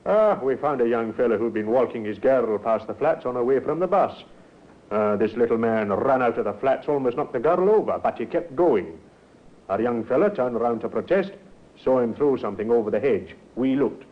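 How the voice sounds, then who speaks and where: A man's voice: medium pitch, animated, moderate pace, natural voice. An actor playing a polite, diligent male police sergeant in a 1950s radio drama, courteous and deferential as he questions and reports. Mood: brisk reporting. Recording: muffled 1950s radio recording.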